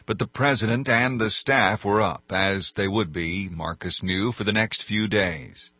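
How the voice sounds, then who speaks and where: A male narrator reading an audiobook at a measured, even pace. His voice is low and husky. The recording sounds dry and a little dull. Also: no room sound. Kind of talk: scripted narration.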